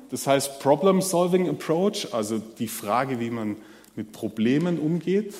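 A man giving a sermon in a conversational way, speaking straight to the congregation and pausing often on fillers. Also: medium pitch, warm tone, in a large hall. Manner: conversational, addresses the audience directly with many fillers. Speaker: preacher.

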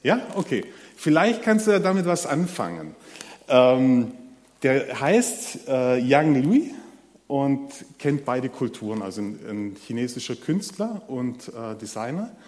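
A man giving a sermon in a conversational way, speaking straight to the congregation and pausing often on fillers. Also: mid-range voice, big pitch swings, darkish tone, in a large hall. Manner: conversational, addresses the audience directly with many fillers. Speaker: preacher.

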